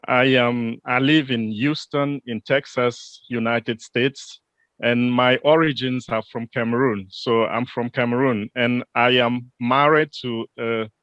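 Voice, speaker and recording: A man interpreting a studio interview, speaking in a measured way. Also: mid-range voice, fairly even intonation, fairly bright tone, dry recording, dull audio.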